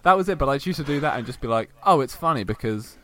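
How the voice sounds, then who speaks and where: A man's voice: mid-range voice, lively intonation, fast, a bit bright, a little hiss or hum. A young man co-hosting a casual podcast, chatty and self-mocking, laughing as he talks. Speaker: podcast co-host. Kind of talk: casual chat.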